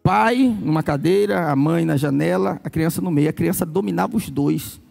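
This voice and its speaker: Gravelly Brazilian pastor preaching. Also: male voice, on the high side, normal speed, darkish tone. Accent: Brazilian Portuguese. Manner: storytelling preacher, acts out quoted voices. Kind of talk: sermon.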